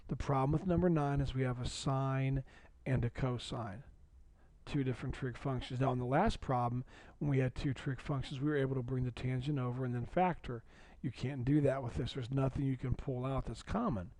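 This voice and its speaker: Male math teacher for a video lesson, dark mellow tone, dry close recording, patient and repetitive. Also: medium pitch, fairly even intonation, fairly quick, no room sound. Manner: patient, repeats key points, checks in with "okay?".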